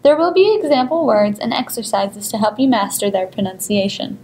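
A woman reading a scripted pronunciation lesson in a clear, measured way. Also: a little high, dark tone, slight background noise. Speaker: language instructor.

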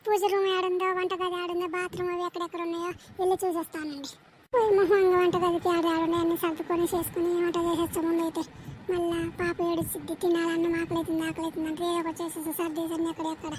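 A woman voicing a young tenant mother in a cartoon, brisk, doting with her child and sharp with others. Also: very high voice, flat delivery, a little hiss or hum. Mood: narrating. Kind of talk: cartoon voice acting.

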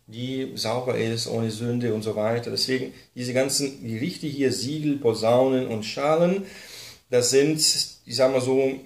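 A man's voice: medium pitch, fairly even intonation, unhurried, darkish tone. Man teaching a Bible class, echoey room. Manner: explains step by step with many fillers and tag questions.

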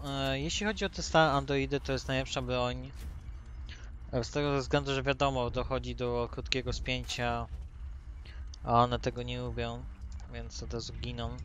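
A man's voice: mid-range voice, fairly bright tone. A man with a mid-range voice talks through a video game in a tipsy, rambling way. His commentary is casual and unpolished. Faint noise and game ambience sit behind his voice. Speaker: gaming video host. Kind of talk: casual let's-play commentary.

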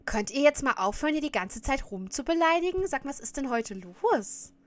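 A woman's voice: high voice, big pitch swings, a little fast. A woman streamer chatting casually while reacting to a clip, often laughing and scolding her viewers.

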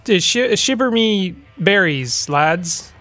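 A bumbling would-be pirate, as a man puts him on, hammy and halting in his fake pirate talk. The voice is pushed up well above the man's own, from a video game let's play. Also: high voice, animated, sharp tone, no echo, soft background music, voice pushed up, heavily acted. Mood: goofy.

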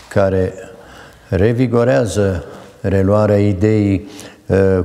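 A man's voice: deep voice, warm tone. A man in his sixties from Romania, a native Romanian speaker, explaining to camera as a researcher. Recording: long reverb of a hard room.

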